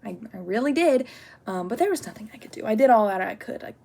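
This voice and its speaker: A young woman student talks casually through a spoken assignment response, chatty and full of "like" and "um," growing candid and worked up over a personal story. Her medium-pitched voice is creaky and darkish, fast, with lively intonation.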